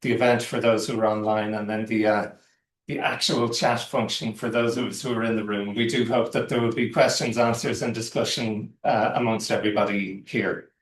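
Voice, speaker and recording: A man gives formal opening remarks as an event host, speaking carefully and somewhat haltingly. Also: fairly low pitch, fairly even intonation. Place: indoor university event room with online audience. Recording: echoey room, distant microphone.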